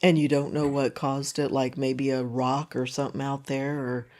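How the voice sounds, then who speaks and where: A woman's voice: very deep voice, little pitch movement, moderate pace, darkish tone. A woman co-hosting a podcast, chatting casually and reacting with frequent exclamations. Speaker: podcast co-host. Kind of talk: casual conversation.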